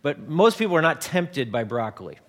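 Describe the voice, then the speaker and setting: A man's voice: medium pitch, very animated, normal speed. Conversational man preaching a sermon. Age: 40s. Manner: conversational, repeats words, homely examples. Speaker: pastor.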